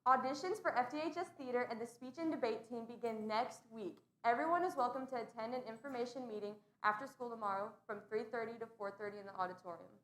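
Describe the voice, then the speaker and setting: A woman reads a school's morning announcements in a steady, clear voice. Her voice sits a little high. The room adds a noticeable echo. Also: quick pace, few pauses. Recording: echoey room.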